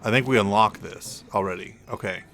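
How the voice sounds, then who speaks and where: A man's voice: lowish voice, a bit bright, a little hiss or hum. A young man giving casual, rambling commentary while playing a video game, often stopping to correct himself. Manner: rambling, drawn-out, self-correcting. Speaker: let's play gamer.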